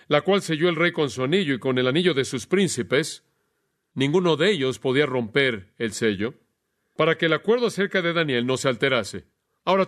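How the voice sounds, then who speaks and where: A man's voice: a little high, a bit bright. A man preaching an expository sermon, asking the listeners rhetorical questions and acting out quoted voices.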